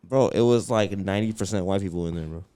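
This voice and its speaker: A man's voice: deep voice, quick pace, dark tone, smooth. Slangy man with a stutter. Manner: slangy, repeats himself, mild stutter. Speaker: podcast co-host. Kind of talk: casual chat.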